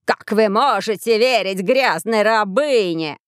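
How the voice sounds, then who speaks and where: A storyteller voicing a cowardly, cruel middle-aged count who shrieks and pleads in panic, in a dry recording. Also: male voice, high-pitched, steady tone, normal speed, sharp tone, clean tone, no echo. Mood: panicked.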